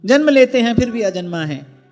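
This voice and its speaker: Male devotional preacher, very high voice, slow, explanatory; long hall reverb with faint music behind. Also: sing-song, darkish tone. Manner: earnest teaching, explains word emphasis with examples. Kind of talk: devotional discourse.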